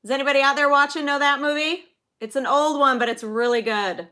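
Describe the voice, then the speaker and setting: A woman's voice: high-pitched, steady tone, fairly quick, sharp tone. A middle-aged woman hosting a casual livestream, chatty and enthusiastic, cheering viewers on by name. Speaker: livestream host. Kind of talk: casual live chat, reading movie quotes.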